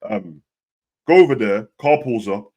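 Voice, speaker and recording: In an unhurried, medium-pitched voice, a young Birmingham man casually retells stories with roadman slang and a British street accent. He brings them to life by quoting and acting out other people's lines.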